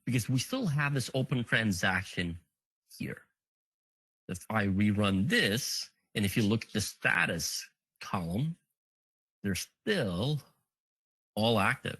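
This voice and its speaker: A man giving a conference talk, talking through a live demo as he goes. His voice is bright and forward, and it rises and falls a lot. The sound is dry and close, with no room echo. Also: fairly low pitch, lively intonation, takes it slowly, pauses often. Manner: thinks aloud, counts items on screen, frequent fillers. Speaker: conference presenter. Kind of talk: live technical demo walkthrough.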